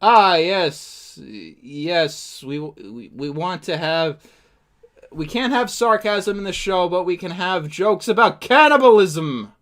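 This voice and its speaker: A man's voice: sits high, lively intonation, slow pace, fairly bright tone. Stammering, profane man reacting on stream. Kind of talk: casual reaction stream commentary.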